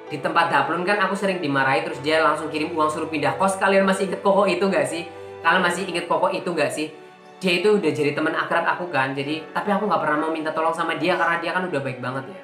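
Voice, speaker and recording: Man telling a personal story, echoey room. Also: on the high side. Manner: emotional, animated retelling with acted-out quotes. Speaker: vlogger. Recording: echoey room with faint background music.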